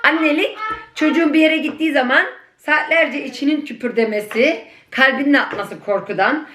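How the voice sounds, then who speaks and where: Speaking from her family home in Germany, a Turkish mother chats casually with her vlog viewers in an affectionate, teasing way. Her voice sits high, with a sharp tone at a moderate pace, and the room is echoey.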